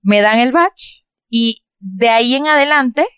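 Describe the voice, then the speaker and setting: Brief: Panamanian woman, thirties, animated storyteller who laughs a lot, slightly raised voice, dry close sound. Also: on the high side, unhurried, clear, resonant tone, no room sound. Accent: Panamanian Spanish. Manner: lively, laughs often, acts out quotes. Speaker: podcast co-host. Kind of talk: casual chat, storytelling.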